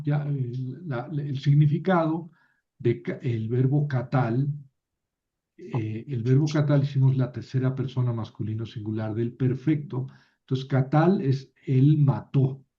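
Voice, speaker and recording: Male lecturer, mid pitch, slow and patient, methodical with playful asides; muffled lo-fi recording. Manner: slow, patient, with frequent "¿verdad?" checks. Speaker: Biblical Hebrew teacher.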